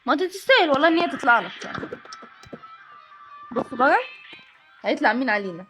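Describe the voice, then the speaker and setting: An excitable woman with an Egyptian accent plays a horror game and talks through every scare. Her voice sits high and her words tumble out very fast. She sounds jumpy and breathless with nerves. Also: soft background music. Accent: Egyptian Arabic. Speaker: gaming channel host. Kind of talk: horror game let's-play commentary.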